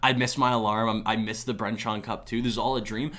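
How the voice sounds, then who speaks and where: This young esports commentator speaks quickly in a fairly low pitch, filling gaps between plays with rambling, chatty asides and growing animated when the action excites him.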